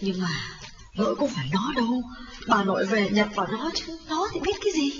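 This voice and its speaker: A man's voice: extremely high pitch, sing-song, fairly quick, noisy background, voice pushed up. A man voicing a frightened young mother who wails and sobs. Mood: pleading. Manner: wailing, sobbing cries. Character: frightened young mother, woman, grieving and frantic. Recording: roomy, lo-fi, distant, with music.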